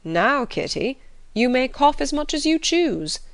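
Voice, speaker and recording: A wry middle-aged gentleman father from a classic storybook, as a woman reader plays him. He teases with formal, measured phrasing and stays composed and sardonic. The sound is dry and close. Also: high-pitched, big pitch swings, no echo, pitched above the performer's own voice, heavily acted. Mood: sly, satisfied. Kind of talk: audiobook character voice.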